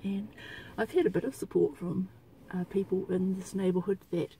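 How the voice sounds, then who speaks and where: A woman's warm, medium-pitched voice comes through a rough recording as she vlogs outside next to a car by a suburban road. She chats casually and plainly at a moderate pace while vehicles pass.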